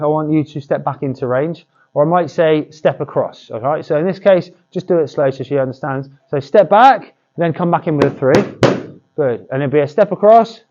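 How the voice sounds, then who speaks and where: A man's voice: a little high, a little mellow, muffled recording. A man coaching boxing pad work, demonstrating drills with short cues and encouragement.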